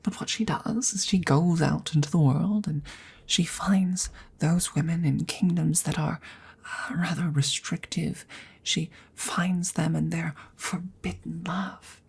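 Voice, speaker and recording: This clip has a woman whispering softly and breathily as a courteous, eccentric she-dragon in ASMR fantasy roleplay, her formal, coaxing lines coming out haltingly. The voice sits low with fairly even intonation and a heavily acted quality, carrying a fond, musing mood.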